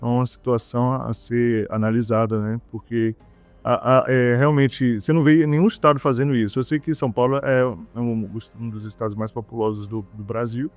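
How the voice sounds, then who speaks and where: Man, halting interview guest. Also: medium pitch, fairly even intonation, dry recording, faint music behind. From Bahia, Brazil. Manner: fillers and repeated words. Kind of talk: conversational interview.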